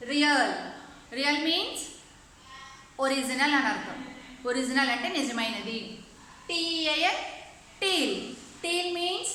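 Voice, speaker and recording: High, bright-voiced woman teaching in an echoey room. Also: a little hiss or hum. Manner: spells words out letter by letter, then explains each slowly; mixes English words into her teaching, asks the class questions. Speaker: English teacher. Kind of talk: online classroom lesson.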